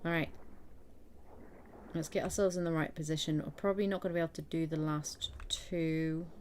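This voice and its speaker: A woman's voice: deep voice, steady tone, moderate pace, darkish tone, slight background noise. A woman chatting casually and playfully with viewers while streaming a game, throwing in silly beep-boop noises. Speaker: gaming streamer. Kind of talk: casual live gameplay chat.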